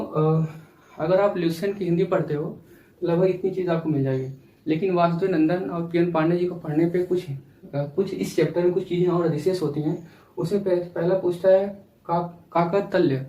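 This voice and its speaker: Higher-voiced male teacher in an echoey room. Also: warm tone. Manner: explains step by step, often addressing viewers as friends. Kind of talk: exam-prep grammar lesson. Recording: echoey room, mic at a distance.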